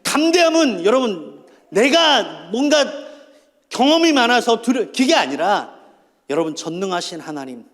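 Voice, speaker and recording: High-voiced preaching man in reverberant hall. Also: very animated, measured pace, fairly bright tone. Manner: preaching with calls to repeat and rhetorical questions. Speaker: pastor. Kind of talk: sermon. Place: church hall. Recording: long church hall reverb.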